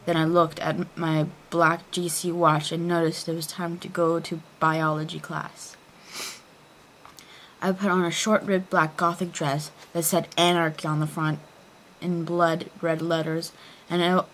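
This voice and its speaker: Female reader, lower-pitched, mock-serious and theatrical, for amateur dramatic fiction. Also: level tone, measured pace, fairly bright tone, slight background noise. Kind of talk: dramatic reading of fan fiction.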